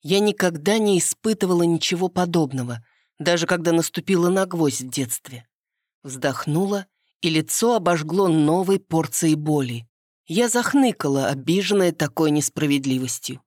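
A woman narrating an audiobook in the first person with an expressive storytelling delivery. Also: low-pitched, moderate pace, dry recording, clean studio sound.

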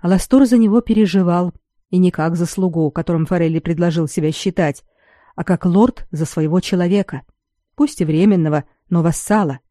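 A narrator reading a fantasy novel as an audiobook in a measured, even way. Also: medium pitch, no echo, clean studio sound.

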